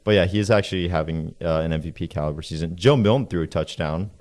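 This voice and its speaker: Very deep-voiced young man rattling off stats. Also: quick pace, a little mellow. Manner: rattles off stats with many fillers; voice cracks. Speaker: co-host. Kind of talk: casual sports chat.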